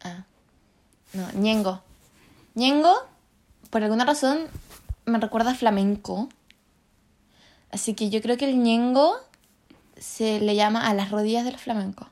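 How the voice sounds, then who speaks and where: A woman's voice: on the high side, measured pace, pauses often, darkish tone. Giggly young Chilean woman chatting. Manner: chatty, giggly, slangy storytelling. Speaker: podcast co-host. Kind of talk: casual chat, word-guessing game.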